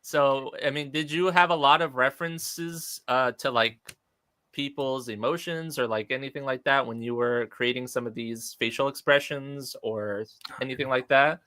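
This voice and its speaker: A man co-hosting a livestream, chatting loosely and excitably, breaking into laughs. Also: medium pitch, moderate pace, clean tone. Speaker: co-host. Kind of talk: casual livestream chat.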